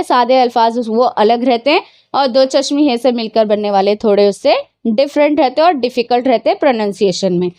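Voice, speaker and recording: A woman's voice: a little high, darkish tone, smooth, dry recording, clean studio sound. A woman teacher giving a grammar lesson to children, patiently asking questions and answering them herself, mixing English words into her explanations. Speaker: Urdu teacher.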